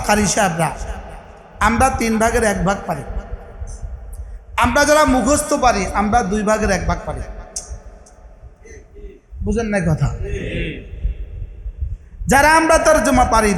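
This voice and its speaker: A man with a Bangladeshi Bengali accent preaching a sermon, calling on the crowd to answer back and rising to shouted emphasis. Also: high voice, lively intonation, measured pace, long pauses, slight background noise. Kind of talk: sermon at a religious gathering. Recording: echoey hall, sound system.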